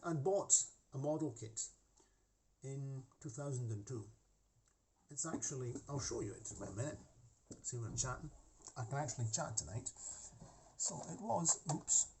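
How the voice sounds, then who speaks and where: Recorded by a camera pointed at him in his home hobby room, this middle-aged host of a model-making channel speaks in a mid-range voice over some background noise. Half Scottish, he has a Scottish-tinged accent, and his casual chat to camera is full of restarts and asides.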